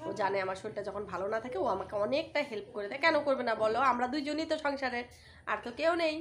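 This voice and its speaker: Brief: middle-aged village woman vlogger, quick and animated, faint phone-mic ambience. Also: fairly high pitch, slight background noise. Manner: chatty, animated, addresses viewers as brothers and sisters. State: swollen face from toothache. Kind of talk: casual vlog chat to viewers.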